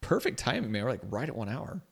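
A man's voice: medium pitch, sing-song, fast, creaky, slightly rough. Male co-host, loose rambling storyteller, casual gaming talk. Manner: rambling storyteller, filler-heavy. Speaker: podcast co-host. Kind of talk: casual chat.

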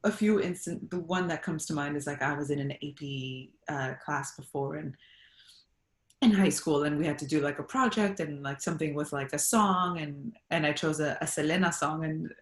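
A low-pitched young woman from Los Angeles, talking as an interview guest. She chats casually and animatedly, laughing often. The sound is roomy and echoing. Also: normal speed. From Los Angeles, USA. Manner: animated, laughing, acts out quoted exchanges. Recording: roomy sound with construction noise.

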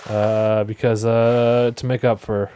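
A man co-hosting a casual podcast, animated and joking, with frequent restarts. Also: lowish voice, takes it slowly, slight background noise. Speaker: podcast co-host. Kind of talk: casual chat.

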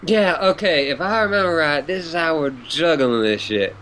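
A man's voice: fairly high pitch, expressive, moderate pace, a bit bright, slight background noise. A man voicing a laid-back, stoned male clown troll who drawls, swears and honks. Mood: mellow.

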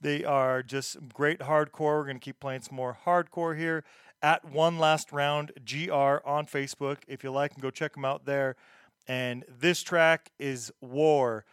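A man's voice: fairly high pitch, fairly even intonation, measured pace, fairly bright tone, clear, resonant tone, no room sound, studio quality. A man hosting a music show with casual, conversational talk between tracks.

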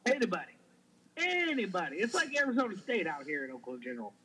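A man's voice: sits high, sing-song, racing, fairly bright tone, slight background noise. A man putting on a joking fake surgeon with a Southern US drawl in a prank phone call. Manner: laid-back, joking, chuckling nonsense. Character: silly male fake surgeon, laid-back.

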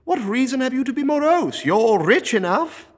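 Man voicing a cheerful young nephew, pitched well above his own voice, earnest and pleading. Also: very animated, normal speed, exaggerated voice. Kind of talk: storybook character reading.

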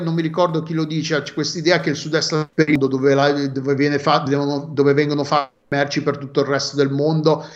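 A man co-hosting a podcast, chatting casually and stopping to restart his sentences, heard over an online call line. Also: mid-range voice. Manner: halting, full of restarts. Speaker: podcast co-host. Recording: dull lo-fi call audio.

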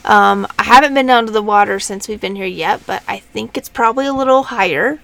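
A woman's voice: mid-range voice, brisk, creaky, a bit bright, no room sound. A woman co-hosting a casual podcast from a van, chatting in a playful, teasing way with her partner. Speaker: podcast co-host. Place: parked van outdoors in the mountains.

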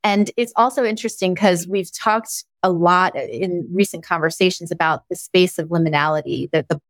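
A woman's voice: on the low side, fairly even intonation, moderate pace, no echo. A woman hosting an interview, reflective, musing aloud and checking in with "right?" as she talks. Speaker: host. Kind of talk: interview conversation.

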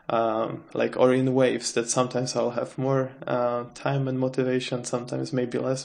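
A young man answers questions as a podcast guest. He speaks at a middle pitch and pauses often to think. He restarts his sentences as he goes. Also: gravelly. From Czech Republic. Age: 20s. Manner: thoughtful and hesitant, with restarts. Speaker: guest, adult cello student. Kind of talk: casual interview answers.

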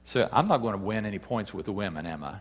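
A man's voice: on the low side, lively intonation, quick pace. Man preaching in a reverberant hall. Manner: conversational, asks the listeners questions, reads scripture aloud; acts out quoted cries with a raised voice. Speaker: preacher teaching a Bible lesson. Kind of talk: sermon.

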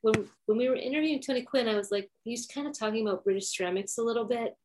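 A woman's voice: on the high side, racing, darkish tone. A woman co-hosting a podcast in casual chat, talking loosely with lots of "like" fillers and laughing easily. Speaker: podcast co-host.

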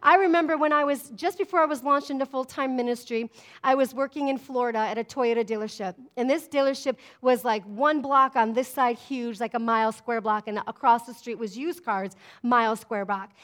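A woman's voice: a little high, steady tone, brisk, fairly bright tone. A middle-aged woman pastor preaching a sermon, emphatic and conversational, often asking her congregation "amen?". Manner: emphatic, call-and-response preaching with frequent "amen?".

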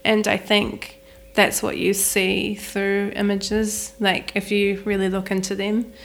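Young New Zealand woman with gravelly voice. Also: mid-range voice, completely flat delivery, takes it slowly. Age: young adult. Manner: chatty, many "like" fillers, laughs easily. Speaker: wedding photographer, guest. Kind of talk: casual interview chat. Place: flat at home.

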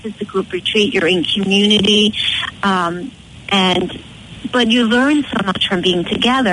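Female interview guest, west of Ireland accent, mid-pitched, thoughtful and sincere, conversational, with noise behind the voice. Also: fairly bright tone, poor audio. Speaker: interview guest, retreat leader.

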